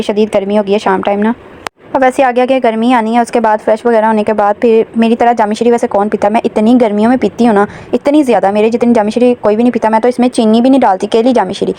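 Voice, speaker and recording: A young woman narrates her home vlog at a brisk clip. Her voice stays level with little rise and fall, and she chats casually and directly to her viewers. A faint room ambience sits behind her. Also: a little high, a little mellow, slight background noise. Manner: chatty, addresses viewers directly. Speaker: vlogger.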